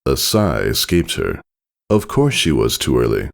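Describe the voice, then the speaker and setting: A fan fiction reader narrates a scripted story at a measured pace, his low, gravelly voice swinging widely in pitch for an expressive storyteller's delivery.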